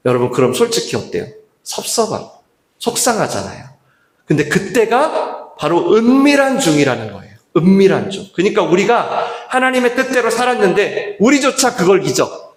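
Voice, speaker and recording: A man preaching a sermon as pastor, speaking straight to his congregation in an animated way. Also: sits high, moderate pace. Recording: roomy church hall echo.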